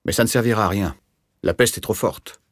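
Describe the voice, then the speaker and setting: A man's voice: brisk, no echo, clean studio sound, lightly acted. A man voicing an anxious, touchy middle-aged rentier in an audiobook, speaking in a raised, agitated voice. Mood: defensive. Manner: agitated, defensive, raised pitch. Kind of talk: audiobook character voice.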